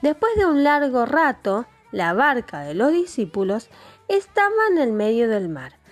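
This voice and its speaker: A woman with an Argentine Spanish accent telling a Bible story to young children, in a sing-song, exaggerated storytelling manner. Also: high-pitched. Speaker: children's Bible class teacher.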